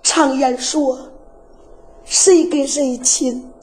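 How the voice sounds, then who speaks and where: A woman's voice: high-pitched, steady tone, extremely slow, a little mellow. A woman voicing a young warrior daughter who pleads tearfully with her father. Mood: pleading.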